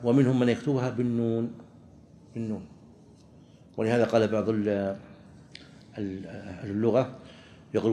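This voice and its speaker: A man teaches from a legal text, stopping and restarting his phrases as he thinks. His voice sits at an ordinary pitch. A faint hum of noise runs underneath. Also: mellow. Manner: halting, with frequent restarts and pauses. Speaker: religious teacher. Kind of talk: explaining a legal text to students.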